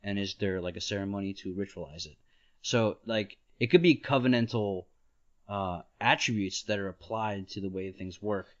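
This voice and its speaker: Heard through dull, lo-fi podcast audio, a male host with a fairly low voice talks at a normal speed. He explains things casually, peppering his chat with "like" and "right?" and laughing easily.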